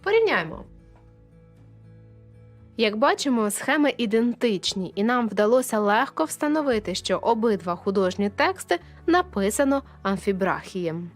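Lady teacher walking students through poem meter, kinda high voice, soft music under it. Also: very animated, moderate pace. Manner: clear explanatory, counts syllables aloud, addresses viewers directly. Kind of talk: video lesson on poetry meter.

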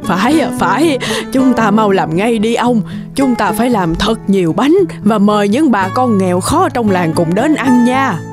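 A woman's voice: medium pitch, animated, unhurried, natural voice. A woman doing a kind old farmer's wife. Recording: cartoon with music behind.

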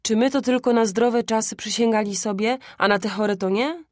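A woman's voice: a little high, normal speed, a little mellow, no room sound, pitched above the performer's own voice, close to an everyday voice. Woman narrator voicing a stubborn, indignant poor father; raised voice, dry.

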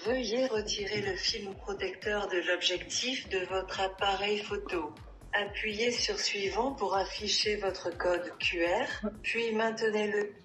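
A synthetic woman's voice played from a phone speaker as an app prompt, reading polite, even, formal setup instructions step by step. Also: mid-range voice, a little slow, roomy sound, crowd noise, rough recording.

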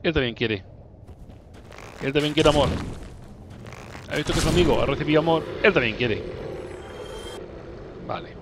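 A young man with a Spanish accent from Spain commentating his own gameplay, playful and excitable, teasing the enemies he fights with sudden yelps and laughs. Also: fairly high pitch, moderate pace, pauses often, noisy background. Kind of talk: playful let's-play commentary.

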